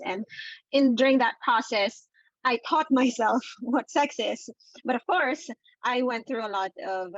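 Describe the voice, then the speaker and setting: A woman's voice: a little high, dry recording, dull audio. A woman, a therapist guest, speaks earnestly in a casual interview with frequent fillers and light laughs. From Philippines. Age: adult with a daughter. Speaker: sex and relationships therapist, guest.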